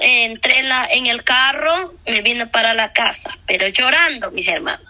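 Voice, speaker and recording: A woman giving an emotional personal testimony to her church sisters, halting and repeating herself, at times tearful. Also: sits high, bright, forceful tone, rough recording.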